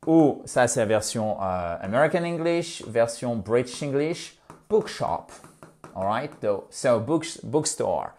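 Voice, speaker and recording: Guy teaching english online, explains step by step, slows right down on the english words. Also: mid-range voice, lively intonation, a little mellow. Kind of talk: online language lesson.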